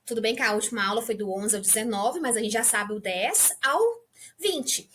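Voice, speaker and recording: A woman's voice: a little high, moderate pace, fairly bright tone, a little hiss or hum. A woman from Brazil teaching an English lesson to beginners, patiently checking in with her students all the time. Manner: patient, checks in with the class constantly.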